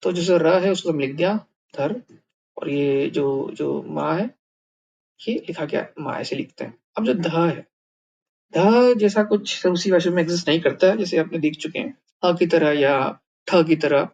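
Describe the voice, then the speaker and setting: A man's voice: fairly high pitch, measured pace, creaky, darkish tone, breathy edge, highs cut off. A man teaching a language lesson in a casual way, thinking aloud with many fillers and repeated words.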